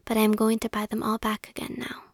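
A woman's voice: a little high, completely flat delivery, quick pace, breathy edge, no echo, clean studio sound. A woman whispering as a meek, earnest young gardener. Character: humble kindly young male gardener.

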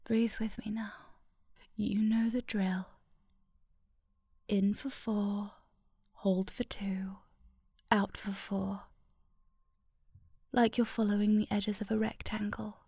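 A woman whispering a soft, affectionate, sleepy ASMR girlfriend roleplay into a close microphone. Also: medium pitch, little pitch movement, gravelly, husky, dry recording. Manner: slow and soothing, sleepy.

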